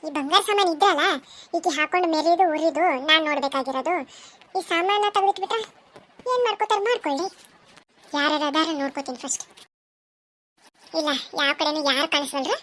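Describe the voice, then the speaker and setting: A woman voicing a jealous middle-aged village woman who mutters low as she plots, with a North Karnataka Kannada accent. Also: brisk, pauses often, a bit bright, a little hiss or hum. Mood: scheming. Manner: low, muttering, plotting to herself.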